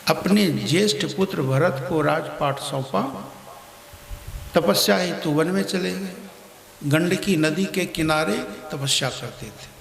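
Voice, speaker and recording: A man telling a devotional scripture story in a measured, emphatic storytelling manner. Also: a little high, vocal fry. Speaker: kathavachak, religious storyteller. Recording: echoey hall with faint music.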